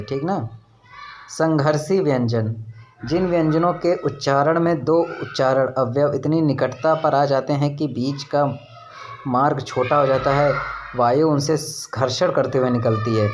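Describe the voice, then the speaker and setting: A male teacher giving an online exam-prep lesson on grammar. He explains slowly, sounds out syllables to demonstrate them, and keeps checking in with "right?". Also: mid-range voice, a little hiss or hum. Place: rented room with children shouting nearby.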